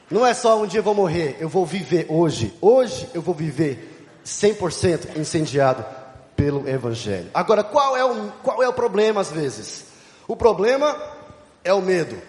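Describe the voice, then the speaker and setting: A man preaching a youth conference sermon, telling stories with shouts and laughter. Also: high voice. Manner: animated storytelling, shouting and laughing. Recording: echoey hall.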